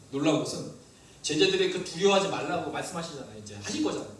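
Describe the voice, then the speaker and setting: A male pastor preaching a sermon, lively and asking the congregation questions. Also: high voice, very echoey, recorded from a distance, slight background noise, rough recording. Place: church hall.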